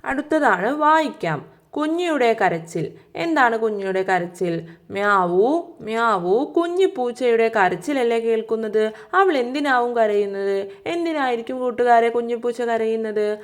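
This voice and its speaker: A woman's voice: fairly high pitch, expressive, moderate pace. A woman teacher, explaining a textbook lesson to young children and reciting a poem in a sing-song way.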